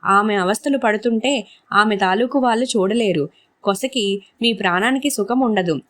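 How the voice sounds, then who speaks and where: A woman voicing a mocking, sharp-tongued village woman who teases with laughing scorn in a read-aloud story. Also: medium pitch, moderate pace, natural voice.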